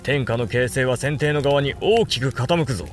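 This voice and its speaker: Soft music underscores a male actor voicing a brooding, determined samurai lord and elder brother in a Japanese historical audio drama. His medium-pitched delivery sounds natural, grave and deliberately commanding.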